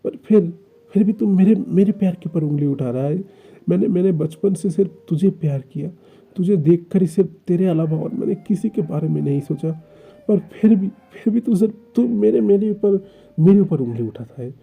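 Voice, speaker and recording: A man's voice: high voice, expressive, moderate pace, creaky, slightly rough, narrow, tinny audio, full character voice. Lan Zhan, a man voicing a possessive jealous young lover. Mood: pleading. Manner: stammering, pleading and reproachful.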